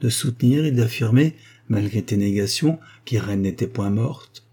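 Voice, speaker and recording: A man's voice: on the low side, normal speed, dark tone, slightly rough. A man reading the part of a sly ex-clerk who threatens and gloats in a story. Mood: triumphant. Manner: taunting, triumphant. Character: mocking cunning male ex-clerk.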